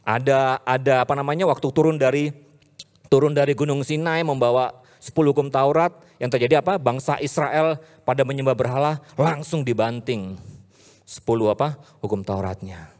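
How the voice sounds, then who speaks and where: Lively youth preacher in a ringing church hall. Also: male voice, normal speed. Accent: Indonesian. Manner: lively, swings from loud hype to low earnest talk. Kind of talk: casual youth sermon.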